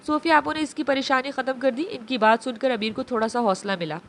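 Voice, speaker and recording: Give me a high-pitched woman reading a novel aloud in an even, steady way. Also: fast talker, slight background noise. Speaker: narrator. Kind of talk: scripted novel narration.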